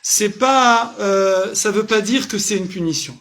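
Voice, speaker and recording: A man's voice: high-pitched, unhurried, fairly bright tone. A man giving a casual, joking Torah class to a group, quizzing them and translating Hebrew terms as he goes. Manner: casual, jokey, asks the audience questions. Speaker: Torah teacher. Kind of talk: lively informal Torah class. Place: small community centre hall.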